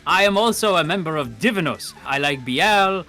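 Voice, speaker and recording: A woman's voice: on the low side, lively intonation, a little fast, fairly bright tone, soft background music. A woman judging a cooking stream in cheeky, joking banter. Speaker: judge.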